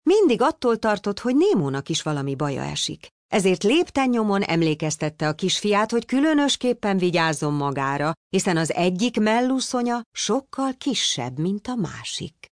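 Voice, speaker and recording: A woman reading a children's storybook aloud with expressive, animated delivery. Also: mid-range voice, few pauses, dry recording, studio quality. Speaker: narrator.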